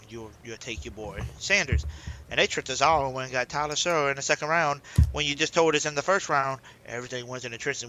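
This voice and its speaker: A man's voice: mid-range voice, bright, forceful tone, a little hiss or hum, poor audio. A man hosting a casual sports talk stream, rambling and joking with slang. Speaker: podcast host.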